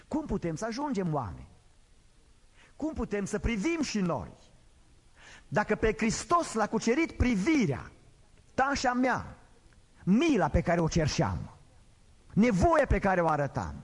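A man preaching a sermon, swinging between loud emphatic declarations and quiet, low storytelling. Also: slightly rough. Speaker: pastor. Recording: long hall reverb.

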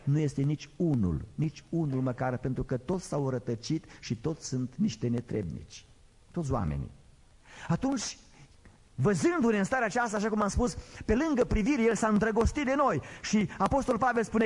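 A man preaching a sermon, swinging between loud emphatic declarations and quiet, low storytelling. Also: lively intonation. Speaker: pastor. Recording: long hall reverb.

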